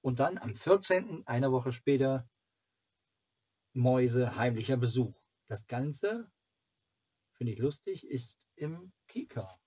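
A man in his forties hosts a children's TV fan club channel, talking casually to viewers from a cluttered little room at home via a camera at arm's length. His medium-pitched voice is animated yet slow, dark and breathy, and he pauses often while rambling and thinking aloud.

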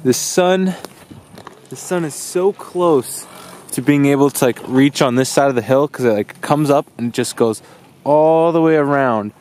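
A man's voice: mid-range voice, unhurried. A young man chatting and laughing on a ski slope and chairlift, filmed with a handheld action camera. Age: young adult. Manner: laughs often, excited and chatty. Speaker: vlogger. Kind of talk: casual vlog chat. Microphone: action camera held at arm's length.

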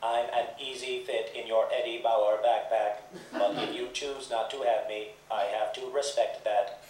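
A man voicing a gentle talking toy speller who speaks slowly and earnestly, heard far off in a very echoey space. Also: on the low side, fairly even intonation, slight background noise, natural voice. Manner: slow, measured, earnest. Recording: very echoey, distant stage sound.

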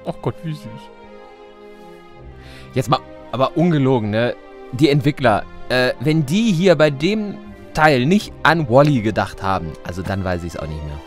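A man's voice: mid-range voice, big pitch swings, moderate pace, faint music behind. A man giving casual let's play commentary on a video game, reacting in an offhand way.

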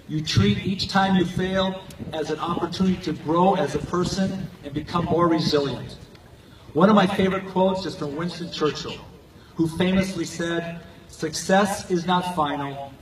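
An older man with a somewhat high voice, a high school coach and teacher, gives a prepared graduation speech in earnest, short, measured phrases. He speaks into a podium mic over the PA at an outdoor football stadium. A distant handheld camera in the stands captures the sound, so it comes across echoey and far off.

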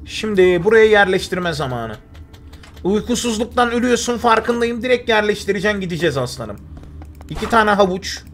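Very animated and a little fast, the young man's voice sits high, with slight background noise behind it. While playing a survival game on stream, he chats away to himself, reads chat aloud and thanks viewers.

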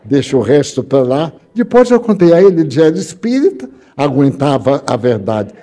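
Older Brazilian man lecturing, mellow voice. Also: a little high, a little fast. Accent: Brazilian Portuguese. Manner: animated, acts out dialogue with lively voice shifts. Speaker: spiritist lecturer. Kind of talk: storytelling lecture.

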